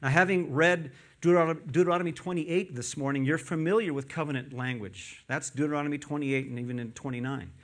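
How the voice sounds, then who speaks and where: A man preaching a sermon in church, animated and playful, quizzing the congregation with questions and tossing in joking asides. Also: a little high, fast, few pauses. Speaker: pastor. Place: church with a screen behind him.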